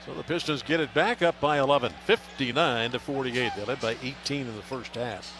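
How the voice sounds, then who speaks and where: Brisk and mid-range, an American announcer delivers clipped basketball play-by-play on the radio. Behind him, the arena is loud and a basketball bounces.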